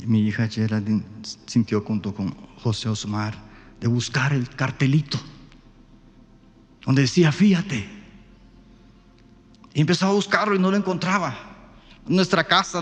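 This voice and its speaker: A man, a pastor telling a story in a sermon, dropping to a hush and then rising loud. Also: a little high, in a large hall. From Guatemala. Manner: storytelling, swings from hushed to loud. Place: church.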